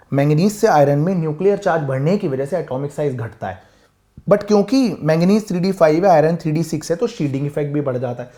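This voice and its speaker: A man teaching chemistry to students in a classroom, talking to them directly in a lively lecture. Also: a little high. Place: classroom with board.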